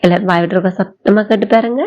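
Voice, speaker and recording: A woman with a Tamil accent teaching spoken English, drawing out model sentences slowly for learners to repeat. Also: medium pitch, dull audio. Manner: slow, drawn-out model sentences for repetition. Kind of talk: bilingual language lesson.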